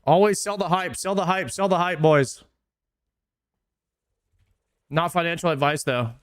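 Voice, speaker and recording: A man's voice: on the high side, a little slow, no echo, clean studio sound. A man chatting casually on a game livestream in hyped, slangy frat-bro talk. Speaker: game streamer. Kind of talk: casual livestream gaming chat.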